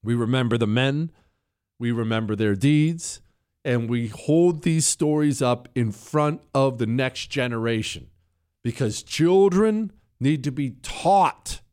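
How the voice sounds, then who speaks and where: A man's voice: medium pitch, darkish tone, dry recording, studio quality. A middle-aged man hosting a radio talk show, moving between casual, wry asides and reading aloud.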